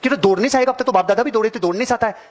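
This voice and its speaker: Male motivational seminar speaker, high voice, rapid emphatic delivery, works the crowd. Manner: emphatic, repetitive, addresses audience directly. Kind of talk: seminar speech to a live audience.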